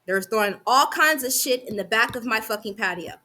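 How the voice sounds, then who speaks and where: A young woman with a slightly high, sharply bright voice vents to the camera. Her talk is heated and full of profanity. Sentences run on and restart as her thoughts race ahead of her words. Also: animated, a little fast, slight background noise. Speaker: vlogger. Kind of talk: angry venting monologue.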